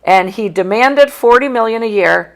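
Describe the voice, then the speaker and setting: A woman's voice: fairly high pitch, lively intonation, normal speed. A woman hosting a casual sports talk show, an ex-coach who talks in a chatty, emphatic way. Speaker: sports talk host and former basketball coach.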